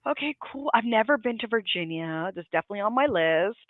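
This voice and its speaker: A woman with a medium-pitched, lively voice hosts a live online interview at a fairly quick clip, gushing effusively and piling on fillers. The sound is thin and phone-like, dry, with no room around it.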